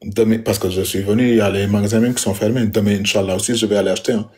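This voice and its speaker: A man's voice: fairly low pitch, steady tone, very fast, mellow. A man, speaking to his wife in an emphatic, repetitive, aggrieved way. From Senegal. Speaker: husband addressing his wife. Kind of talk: heated personal address.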